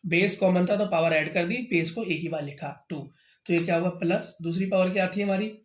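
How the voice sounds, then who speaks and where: A man's voice: sits high, normal speed, echoey room. A man tutoring a student through maths steps at home, patiently checking that each step is understood. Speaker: maths teacher. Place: teaching at home.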